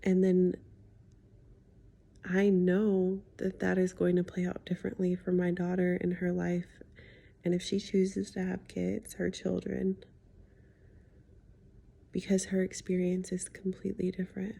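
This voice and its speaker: A woman talking reflectively in a confiding personal vlog as a healing coach, with slightly lisped speech from wearing a retainer, pausing thoughtfully and often softening to a near-whisper. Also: fairly low pitch, completely flat delivery, vocal fry, husky. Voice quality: slight lisp from speaking with a retainer in. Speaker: spiritual healing coach sharing a personal story.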